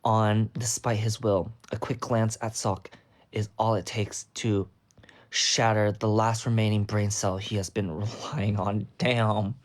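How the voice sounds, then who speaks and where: Lower-voiced man reading fanfiction aloud. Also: little pitch movement, measured pace. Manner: breaks off to comment wryly on the text. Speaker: fanfiction reader on a livestream. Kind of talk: reading a story aloud with asides.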